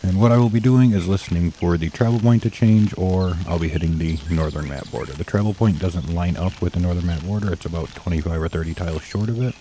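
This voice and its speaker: Male game guide, deep low voice, dark mellow tone, matter-of-fact step-by-step instructions, game ambience behind. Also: fast talker, hardly any pauses, a little hiss or hum. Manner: matter-of-fact, instructive, narrating own actions. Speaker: audio game guide narrator. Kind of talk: unscripted step-by-step walkthrough commentary. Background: computer game sounds and ambience.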